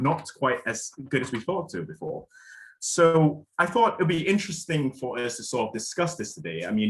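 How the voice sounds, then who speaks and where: A man's voice: medium pitch, fairly bright tone, low-quality recording. A young man from Malaysia giving a spoken introduction as a symposium chair, thoughtful, with frequent fillers and restarts.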